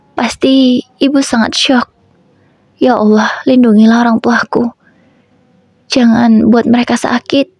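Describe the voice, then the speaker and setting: A woman narrating a sorrowful first-person family story in a slow, reflective way. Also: on the high side, creaky, darkish tone, slightly rough, no echo.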